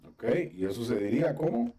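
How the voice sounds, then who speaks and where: A man with a low, mellow voice teaches Biblical Hebrew over a video call. He explains patiently and step by step, and keeps checking that his students follow. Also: lively intonation, fairly quick, breathy edge. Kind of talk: online class instruction.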